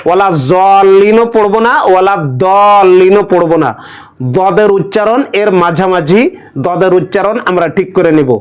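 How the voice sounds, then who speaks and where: A male Quran teacher leading a call-and-response pronunciation lesson, stretching each sound slowly for a class to repeat. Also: high voice, steady tone, a crowd in the background.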